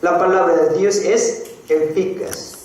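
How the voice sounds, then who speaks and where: Male pastor, slow deliberate sermon, distant mic, heavy hall echo, faint background noise. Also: high voice, fairly even intonation, darkish tone. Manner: slow, repeats phrases, frequent "eh?" prompts to the congregation. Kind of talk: sermon teaching. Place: church hall. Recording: very echoey hall, from far off.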